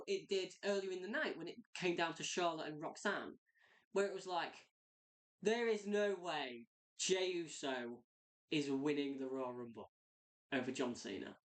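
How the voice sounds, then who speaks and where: Woman, lowish voice, casual review, rambling, excitable, lots of fillers. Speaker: wrestling reviewer.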